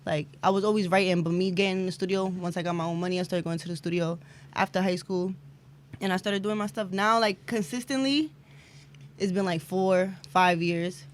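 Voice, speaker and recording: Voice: mid-range voice, fairly even intonation, a little fast. A speaker in their twenties, chatting loosely as a guest, with many fillers and easy laughs. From Bronx, New York. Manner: rambling, filler-heavy, laughs easily. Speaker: guest music artist. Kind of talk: casual podcast chat.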